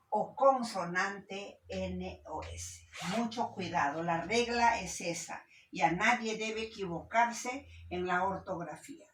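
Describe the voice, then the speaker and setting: A woman's voice: mid-range voice, fairly bright tone. A woman teacher giving a grammar lesson, stressing syllables and putting questions to her students. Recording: roomy, from a distance, faint noise.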